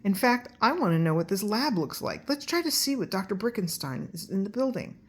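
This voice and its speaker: A woman's voice: medium pitch, big pitch swings, a little fast, husky. A woman voicing a curious, bold and helpful girl out trick-or-treating in a children's storybook.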